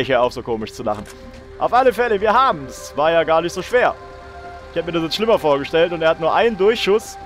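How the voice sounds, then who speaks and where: A young man hosting a let's play, joking and swearing in casual commentary while talking to his viewers. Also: on the high side.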